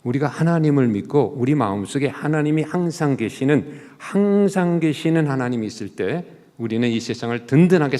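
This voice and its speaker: This professor's voice is medium in pitch with a darkish tone, carried in a large, echoing space. Delivering a sermon-like talk in church, he asks the congregation rhetorical questions and performs brief quoted lines, playing both mother and child.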